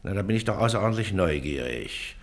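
An actor playing a pompous, authoritarian Prussian baron and district official who questions in a clipped way in a radio play. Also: male voice, deep voice, animated, quick pace. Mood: self-important. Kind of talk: theatrical German radio play acting.

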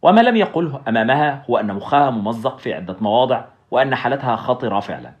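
A man narrates an audiobook story at a brisk clip. His telling is steady and dramatic, and his voice sits at a middle pitch. The recording sounds dull and lo-fi.

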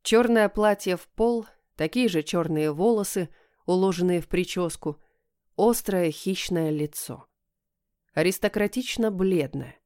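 A woman reading a first-person story aloud in an even storytelling voice. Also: lowish voice, dry recording, clean studio sound. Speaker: audiobook narrator.

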